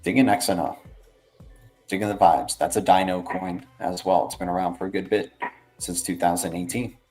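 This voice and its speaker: Male streamer, deeper side, informal rambling commentary with slangy check-in tags, light music bed. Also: fairly even intonation, normal speed, darkish tone. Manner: rambling, slangy, often ends phrases with "right" and "man". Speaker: livestream host. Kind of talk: casual livestream market commentary.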